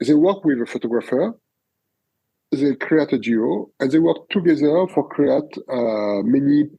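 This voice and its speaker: A man with a French accent speaks in a halting way, full of pauses and fillers. His voice is gravelly and husky with a mellow tone. The recording is close and dry. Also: mid-range voice, lively intonation, no echo, dull audio. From France. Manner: halting, many fillers and restarts. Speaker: guest photographer. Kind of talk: casual interview.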